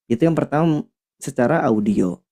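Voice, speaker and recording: A man teaching Quran recitation in an online class, explaining patiently and often pausing to search for the right word. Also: mid-range voice, lively intonation, dark tone.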